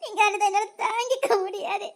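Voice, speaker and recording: A woman playing a very high-pitched tearful young wife. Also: fairly quick. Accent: Tirunelveli Tamil. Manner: tearful, sobbing, hesitant. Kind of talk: web series family drama.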